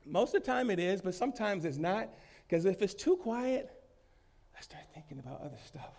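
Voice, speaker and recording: A man preaching a sermon to his congregation as pastor while he has a cold. He swings between loud emphasis and quiet asides and laughs easily. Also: sits high, very animated, moderate pace. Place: church in front of a congregation.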